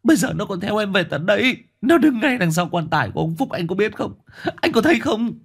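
A man's voice: sits high, expressive, fast talker, vocal fry, dark tone, husky, pitched above the performer's own voice, exaggerated voice. A man voicing a panicked young man who insists he sees a ghost, pleading and rising to a cry. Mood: frantic.

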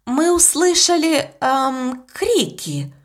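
A woman's voice: high-pitched, big pitch swings, slow, pitched above the performer's own voice, heavily acted. A woman voicing a bold young housemaid who speaks frankly and stands her ground. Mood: respectful.

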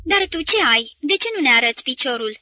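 A woman reading aloud, voicing a rough, taunting schoolboy bully. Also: sits high, animated, bright, forceful tone, heavily acted. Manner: coarse, taunting.

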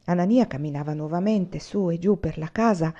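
A woman reading a literary novel aloud as an audiobook narrator, measured and expressive. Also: lowish voice. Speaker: audiobook reader. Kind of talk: scripted narration. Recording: dull lo-fi recording.

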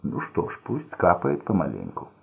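A man's voice: sits low, huge pitch swings, normal speed, creaky, husky, full character voice. A man voicing a cruel, mocking gangster who speaks in a menacing, sneering way. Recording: tinny phone-like sound.

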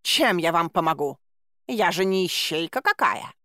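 A woman's voice: fairly low pitch, lively intonation, normal speed, sharp tone, no room sound, clean studio sound. Smug fat talking tomcat, read by a woman. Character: smug, lazy, fat male talking cat.

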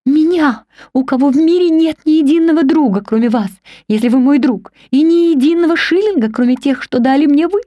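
A woman's voice: high-pitched, lively intonation, fairly quick, no echo, highs cut off, pitched above the performer's own voice. A woman reading the part of an earnest young governess in an audiobook, raised and urgent.

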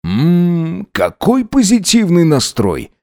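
A self-satisfied rich young man needles his partner in a relaxed, mocking tone, his pitch moving freely in a mid-range voice played by a man in an audiobook drama. He never sounds in a hurry. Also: no echo, studio quality. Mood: mocking, casual. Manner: teasing, self-satisfied, unhurried. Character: smug, wealthy young man who mocks and teases.

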